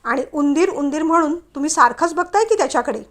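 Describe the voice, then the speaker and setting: A woman's voice: high voice, expressive, fast talker. A woman reading the lines of a touchy young man on an arranged-match meeting, in a lecturing, irritated way. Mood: teasing. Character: young man, bank clerk, touchy suitor.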